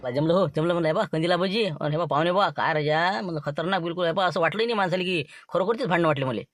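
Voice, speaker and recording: Man, Vidarbha Marathi accent, hushed and scheming, comedy sketch, rapid delivery, dry sound. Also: a little high, no room sound, soft background music.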